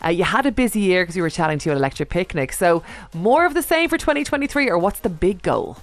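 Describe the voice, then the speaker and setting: A woman's voice: on the low side, big pitch swings, quick pace, soft background music. A woman with an Irish accent hosting a radio interview. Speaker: radio host.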